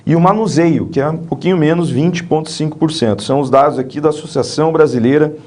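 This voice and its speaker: A man's voice: a little high, quick pace, a little mellow. A male professor with a Brazilian Portuguese accent, reading out statistics and passing questions in a live online class. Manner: reads out figures and hands questions to colleague. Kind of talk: live online lecture chat.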